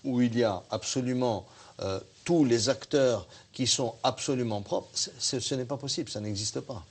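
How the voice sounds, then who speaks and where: A man, a business leader interviewed on TV, who speaks deliberately and emphatically and pauses to choose his words. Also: medium pitch, breathy edge. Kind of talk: TV studio interview.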